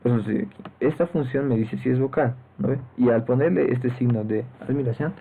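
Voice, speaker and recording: A man walks students through code in a screen-recorded lesson, talking at a middle pitch. He explains each step and keeps checking in with short tag questions. His voice comes through a thin, phone-like microphone. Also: a little fast, gravelly, a little hiss or hum. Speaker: programming teacher. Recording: tinny lo-fi phone-like mic.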